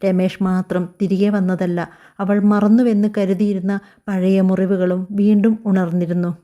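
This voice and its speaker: A woman narrating a scripted family story in a calm, even, unhurried way. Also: mid-range voice, lo-fi sound.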